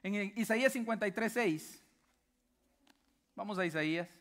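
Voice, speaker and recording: Male pastor with a high voice, preaches with passion and fires rhetorical questions, dropping quiet and then getting loud. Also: moderate pace. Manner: swings between low hushed stretches and loud emphatic ones. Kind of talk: sermon.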